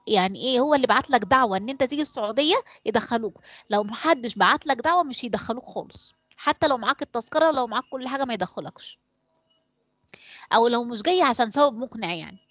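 An Egyptian woman teaching an online class at a breakneck clip, her voice sitting a little high. She calls on pupils by name and pauses mid-sentence for them to fill in the word. The sound is close and dry. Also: fairly bright tone, no room sound. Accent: Egyptian Arabic. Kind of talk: online class quiz and explanation.

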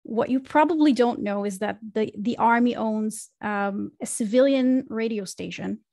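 A podcast guest from Israel, a marketing consultant, thoughtfully shares her career path in a casual interview, often restarting and using fillers. Her voice is a little high and mellow at a moderate pace, captured with no room sound through a studio microphone on a video call from a small home room.

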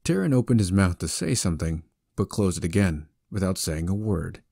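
Deep, mellow male narrator. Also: very animated, fairly quick, vocal fry, no echo, clean studio sound. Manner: wry, conversational storytelling. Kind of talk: scripted audiobook narration.

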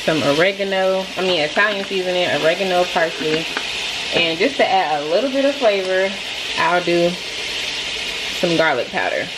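Chatty young woman hosting a home cooking vlog; low-set voice, phone-recorded in her kitchen over clear frying noise. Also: normal speed. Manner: chatty and loose, talks straight to viewers as "y'all". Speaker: vlogger. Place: small home kitchen, indoors. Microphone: handheld phone camera.

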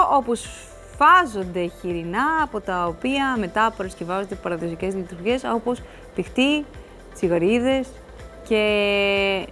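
Her mid-range voice has a fairly bright tone as she hosts a TV show from the studio. The woman addresses the camera in a loose, rambling chat, full of asides and restarts.

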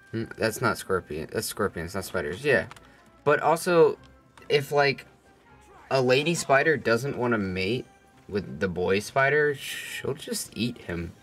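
A man's voice: lowish voice, fairly bright tone. Profane, joking young male streamer. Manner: joking, profane, talks to chat and friends. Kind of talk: casual gaming livestream chat.

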